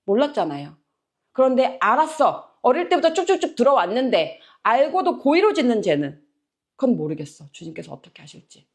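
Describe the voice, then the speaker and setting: A middle-aged woman preaches a sermon from a church pulpit, her voice set somewhat high and swinging widely up and down. She acts out the voices she quotes with animated energy. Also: brisk. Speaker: pastor. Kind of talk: lively Korean sermon.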